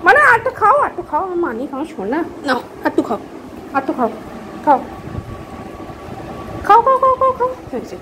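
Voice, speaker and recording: A woman's voice: very high voice, sing-song, brisk, pauses often, pushed and bright, a little hiss or hum, rough recording. A woman filming her pet dog at home and cooing at it in baby talk, laughing and scolding it playfully. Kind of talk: casual home pet video.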